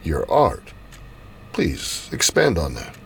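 A man playing a doctor who questions a patient in a measured way before a risky procedure. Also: a bass voice, wildly swooping pitch, vocal fry, husky, heavily acted. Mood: probing. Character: calm clinical man, procedure doctor, probing.

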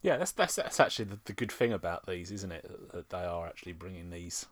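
A man's voice: deep voice, big pitch swings, fast talker, fairly bright tone. A man chatting casually as a podcast co-host.

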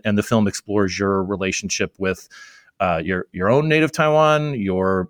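A man hosting a political podcast, introducing and then interviewing a guest in a halting, filler-heavy conversational way. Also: medium pitch, dry recording, studio quality. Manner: halting, many fillers and restarts. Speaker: podcast host.

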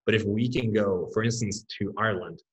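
A man's voice: lowish voice, a little fast, husky, poor audio. A man from Norway, a startup founder, talking earnestly and enthusiastically in a podcast interview.

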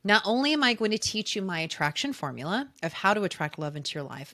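A woman with a mid-range, fairly bright voice hosts a love coaching podcast. She gushes intimately to her listeners, leaning on key words as she introduces and promotes the show.

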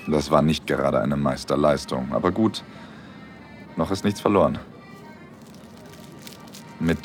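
In a bass voice, an actor plays a shy, dreamy young adult man who sounds flustered. He narrates an intimate audio drama in first person, speaking softly.

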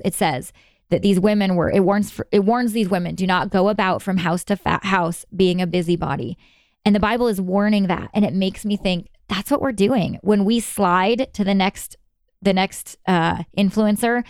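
A woman's voice: medium pitch, a little mellow, no echo, studio quality. A woman guest in an interview, telling stories earnestly and sometimes speeding up in bursts. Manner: earnest, storytelling with quick bursts. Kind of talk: conversational interview.

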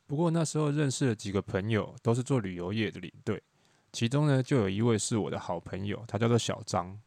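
Fast-talking low-voiced man telling stories. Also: lively intonation, gravelly, darkish tone, no room sound, clean studio sound. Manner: chatty, wry storytelling with quoted dialogue. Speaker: podcast host, tour leader. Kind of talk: solo storytelling podcast.

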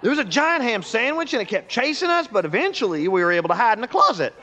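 A man playing a crude, excitable, tubby sidekick in a comedy audio drama. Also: very high voice, fast talker, dull audio, heavy background noise. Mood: cheeky.

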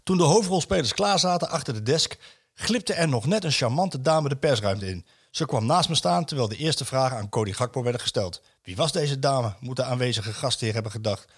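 A man hosting a football talk show. He reads a written piece aloud to his co-hosts, stopping often on fillers and restarts. His pitch sits in the middle range for a man. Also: lively intonation, fairly quick, husky. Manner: hesitant, many fillers, chuckles while reading. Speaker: football radio show host. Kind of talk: casual chat, reading a column aloud.

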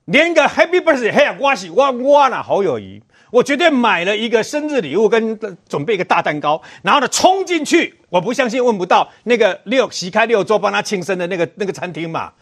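A man with a Taiwanese accent commenting on politics on a talk show, animated and scolding, firing rhetorical questions. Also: sits high, a little fast.

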